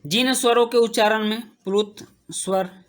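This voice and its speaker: A woman teaching a grammar lesson, slowly repeating each term as she writes and checking in with her students. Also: fairly high pitch, fairly even intonation. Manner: slow, repeats terms while writing, checks in with "ठीक".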